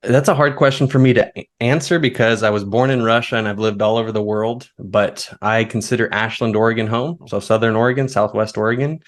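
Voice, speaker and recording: A man in his thirties, a guest on an interview podcast, telling long stories in a relaxed, easygoing way. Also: fairly low pitch, brisk, few pauses. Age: 30s. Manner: relaxed, storytelling, now and then laughing. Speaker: guest, foraging expert. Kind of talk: conversational interview.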